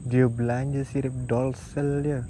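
A man muttering to himself while fishing on a mangrove riverbank, softly coaxing the fish. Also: mid-range voice, flat delivery, unhurried. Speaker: angler vlogger. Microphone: head-mounted action camera. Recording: noisy outdoor action-camera audio. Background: outdoor nature ambience.

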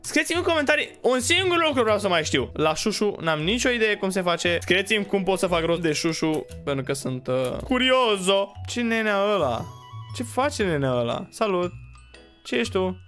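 A man commenting on his own gameplay as a channel host, excitable and quick to yelp and shout at his in-game pets. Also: high voice. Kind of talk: let's play commentary.

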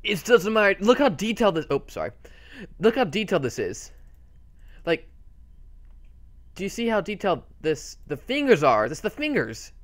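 A young man hosting a channel walks through a screen-recorded tutorial in a high voice at normal speed, leaving long pauses. His manner is casual, rambling and excitable, and he keeps correcting himself.

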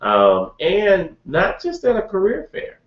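A man's voice: high voice, huge pitch swings, takes it slowly. A man giving career advice in an interview, talking conversationally with quotes and examples. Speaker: career advisor. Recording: roomy, dull lo-fi sound.

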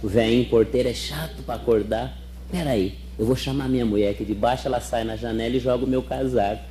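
A man voicing a night watchman who mutters low about the cold in a joke. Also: steady tone, fast, mellow, slight background noise, natural voice. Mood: grumbling.

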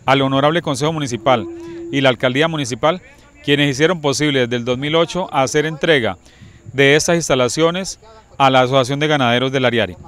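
A man's voice: medium pitch, fairly quick, fairly bright tone. Colombian guy in his 40s, mayor type, formal speech to tv news, lists stuff off, handheld mic outside. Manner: official, list-like oratory. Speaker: municipal mayor. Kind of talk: formal spoken statement to TV news. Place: outdoors at night near a livestock complex. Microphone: handheld reporter microphone.

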